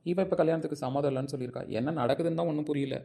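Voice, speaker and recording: Brief: man as a young police-officer grandson, reassuring, mellow gravelly tone. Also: a little high, steady tone. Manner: reassuring, fast-talking. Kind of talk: amateur audio drama.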